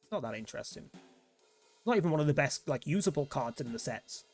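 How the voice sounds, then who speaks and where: A man's voice: on the high side, expressive, fast talker, faint music behind. Streamer dude chatting while he plays, swears a lot, rambly. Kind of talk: casual gameplay commentary.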